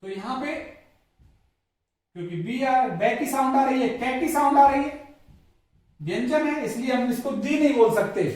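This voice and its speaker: A man teaching English pronunciation in a classroom style, stressing words and repeating each example sentence. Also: extremely high pitch. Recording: very echoey room, voice far from the mic.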